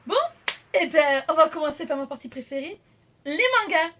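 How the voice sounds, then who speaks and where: Une jeune femme vloggeuse qui bavarde avec beaucoup d'hésitations et d'autocorrections, filmée au téléphone. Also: female voice, high voice, fairly even intonation, normal speed, fairly bright tone, a little hiss or hum. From France. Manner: chatty, hesitant, many fillers and self-corrections. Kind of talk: casual chat. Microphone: phone camera.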